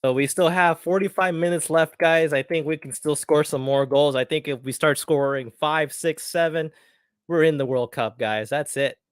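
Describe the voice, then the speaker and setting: A man hosts a live soccer watchalong, reacting excitably to every moment and slipping into when he gets emotional. His voice sits fairly high. The sound is dry and close to the mic, with no room echo. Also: normal speed, clean tone. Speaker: watchalong host. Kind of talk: live match commentary to viewers.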